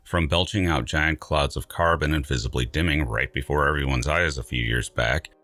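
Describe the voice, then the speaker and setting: A man reading scripted science narration in a measured, emphatic, dryly wry way. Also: very deep voice, pushed and bright, no echo.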